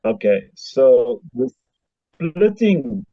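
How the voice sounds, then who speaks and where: A man's voice: mid-range voice, big pitch swings, no echo. A man, a rabbi, teaching a class over a choppy group video call and repeating himself as the connection cuts out. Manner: halting, repeats himself while the line breaks up. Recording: muffled lo-fi internet call audio.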